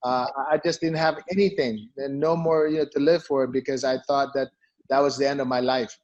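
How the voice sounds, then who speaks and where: A middle-aged Filipino man, the CEO of a company, tells his personal story in an interview, speaking a little fast in a medium-pitched, flat, slightly mellow voice. He is emphatic, repeats phrases for stress, and sprinkles in "you know" and "okay?", all on a lo-fi recording.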